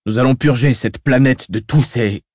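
A man reading aloud voices a haughty emperor with low, cold, clipped commands. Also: normal speed, a little mellow, breathy edge, no room sound, studio quality, lightly acted. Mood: cold, commanding. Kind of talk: audiobook character reading.

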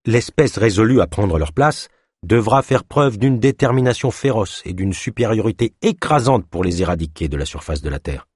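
Male audiobook narrator, low voice, husky, lively pitch, dry close mic. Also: dry recording. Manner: measured, expressive storytelling. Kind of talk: audiobook reading.

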